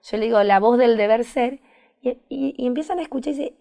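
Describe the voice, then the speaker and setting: A woman's voice: on the high side, fairly quick, gravelly, mellow. A woman therapist with a Rioplatense Spanish accent, speaking thoughtfully in an interview and often searching for words and repeating phrases. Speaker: therapist guest. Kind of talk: reflective conversational interview.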